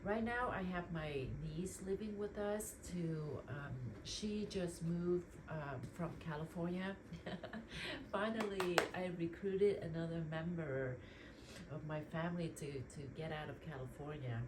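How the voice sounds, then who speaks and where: Low-voiced woman from vietnam rambling on while cleaning out her closet, noisy home audio. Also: a little slow. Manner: rambling, chatty, full of ums and likes. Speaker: lifestyle vlogger. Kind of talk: casual chit-chat while decluttering.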